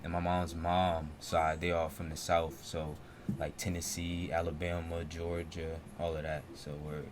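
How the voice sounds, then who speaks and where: A young man talks through family and local history in a relaxed, slang-filled podcast chat. His voice sits very low. There is clear room noise behind him. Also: a little slow. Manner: laid-back slang-heavy storytelling. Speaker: podcast co-host. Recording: noisy room ambience.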